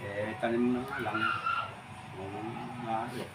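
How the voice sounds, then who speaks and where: An older man answering questions in a halting, plain-spoken way, heard off the mic outdoors. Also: on the low side, steady tone, crowd noise. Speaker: interviewee.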